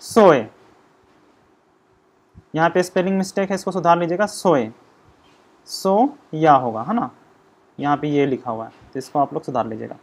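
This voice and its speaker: A man teaching an exam-prep grammar lesson, explaining slowly and sounding out syllables one by one. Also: a little high. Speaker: language teacher.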